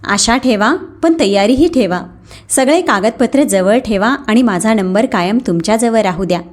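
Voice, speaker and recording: Figure: a steady, sensible woman adviser in an audio story, voiced by the narrator, measured and fairly high. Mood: calm concern. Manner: calm, measured. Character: calm, wise woman adviser warning of danger.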